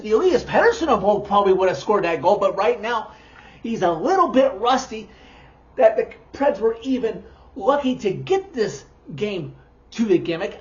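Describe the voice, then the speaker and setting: A woman's voice: mid-range voice, dull audio. A woman giving opinionated post-game sports commentary in an exasperated, emphatic manner. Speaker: sports podcast host.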